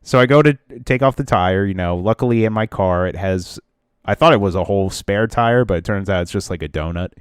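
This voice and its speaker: Speaking a little quickly in a low-pitched, stuffy voice with a clean tone, a man co-hosting a casual podcast rambles through a long story. He often begins again and lets his thoughts trail off. The audio is clean studio sound with no room noise.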